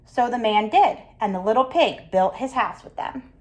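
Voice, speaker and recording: A woman reading a children's picture book aloud, expressive and stopping to ask her listeners questions. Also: a little high, moderate pace, muffled recording. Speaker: storyteller.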